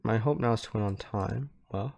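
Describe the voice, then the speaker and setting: Lowish young man thinking aloud over a game. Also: moderate pace, creaky, a little mellow. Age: young adult. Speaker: chess player. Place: small room at home.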